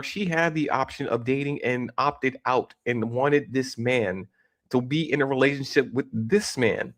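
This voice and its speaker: Rambling, opinionated man in his forties. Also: fairly high pitch. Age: 40s. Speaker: reaction video host. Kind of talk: casual reaction commentary.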